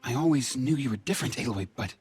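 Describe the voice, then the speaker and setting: A man acting a gentle, devoted tribesman in a video game, speaking with earnest reverence. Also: mid-range voice, animated, fast talker, faint music behind, close to an everyday voice. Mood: tender, earnest.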